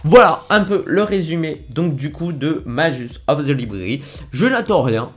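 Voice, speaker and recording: A young man talks casually to his viewers in a slightly high voice. His talk wanders and restarts, full of fillers as he chats along. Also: expressive, normal speed. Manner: chatty, rambling, many fillers and restarts. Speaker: manga vlogger. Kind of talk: casual chat to camera.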